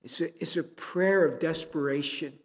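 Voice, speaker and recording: A man delivering a sermon from the pulpit, earnest and storytelling, swelling into emphatic pleas. His voice sits a little high for a man. The sound rings with the long reverb of a big church sanctuary. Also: moderate pace. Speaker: pastor.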